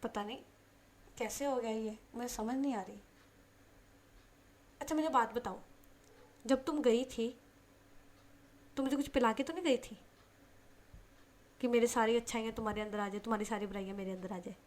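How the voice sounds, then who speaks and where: Woman reading as a playful young woman who teases, animated and a bit high, storybook heroine. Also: normal speed, pauses often, natural voice. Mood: teasing. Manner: animated, mock-offended.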